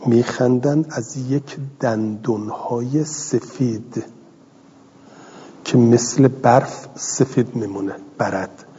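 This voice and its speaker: A middle-aged man teaching a grammar class, reading a line of text and then explaining it slowly and patiently. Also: medium pitch, dark tone, a little hiss or hum. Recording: dull lo-fi audio in a hall.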